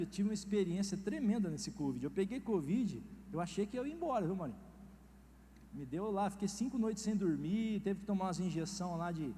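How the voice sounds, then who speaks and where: A man's voice: sits high, warm tone. A middle-aged man with a Brazilian Portuguese accent, preaching a sermon in a folksy storytelling way and acting out the dialogue. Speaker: pastor. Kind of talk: sermon with personal anecdotes. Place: church hall. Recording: reverberant hall, faint noise.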